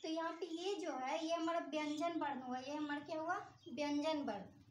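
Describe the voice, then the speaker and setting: A female teacher with a high voice explains grammar step by step, asking her students questions and then answering them herself. The room is echoey, with a little hiss or hum in the recording.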